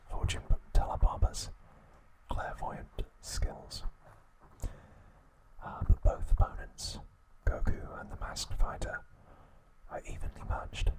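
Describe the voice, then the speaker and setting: In a rough recording, a man gives an ASMR episode recap in an unvoiced, breathy whisper. He leaves deliberate pauses after each short phrase.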